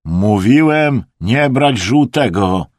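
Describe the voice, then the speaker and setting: A man voicing a brash, mocking Russian camp cook with a Russian accent, drawing his words out loudly. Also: medium pitch, sing-song, gravelly, no echo, clean studio sound, pitched above the performer's own voice, heavily acted. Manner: mocking, drawn-out and shouting.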